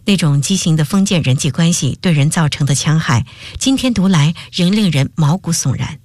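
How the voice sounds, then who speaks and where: Low-voiced woman reading a radio story. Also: expressive, moderate pace, darkish tone, no room sound. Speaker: radio story reader and host. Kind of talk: scripted narration. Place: radio studio.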